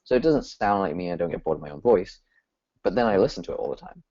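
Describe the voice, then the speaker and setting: A man talking as a copywriter guest in a casual interview, animated and lively. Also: deep voice, fast talker, dull audio. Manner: animated, swings into voices when quoting.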